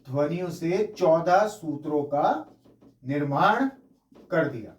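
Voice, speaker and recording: A man's voice: on the high side, darkish tone. A man teaching a lesson, explaining step by step as he writes on a board, saying each sound aloud and repeating it. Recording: echoey room, voice from a distant mic.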